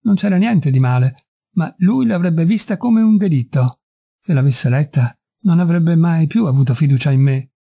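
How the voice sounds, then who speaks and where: A man's voice: fairly high pitch, expressive, moderate pace, creaky, mellow, slightly rough, exaggerated voice. A man voicing a distraught young noblewoman who pleads and confesses in an audiobook reading. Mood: confessing. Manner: imploring, breathless pleading.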